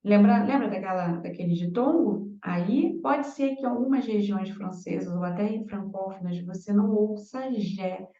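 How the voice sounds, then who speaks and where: A woman teaching a beginner French lesson, repeating each word slowly and clearly for her students. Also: mid-range voice, mellow. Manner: slow, repeats words for learners. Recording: roomy, dull lo-fi sound.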